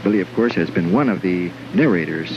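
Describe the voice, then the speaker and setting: A man calling live bowling play-by-play, excitedly repeating phrases as the action peaks, on an old television broadcast. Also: low-pitched, fairly quick. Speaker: bowling commentator. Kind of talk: live sports play-by-play commentary. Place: bowling alley. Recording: noisy dull vintage 1950s TV broadcast.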